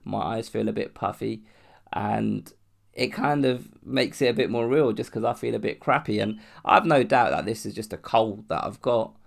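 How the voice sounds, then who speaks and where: Hosting his podcast alone, a young Londoner nursing a cold and a sore throat talks in a loose, rambling way, with restarts and swearing. His voice is lowish and gravelly, delivered at a moderate pace.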